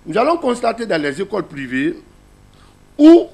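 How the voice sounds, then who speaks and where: A man's voice: sits high, wildly swooping pitch, normal speed, vocal fry, a little mellow. A man with a Guinean French accent teaching a class, explaining a reading method step by step and asking his listeners questions.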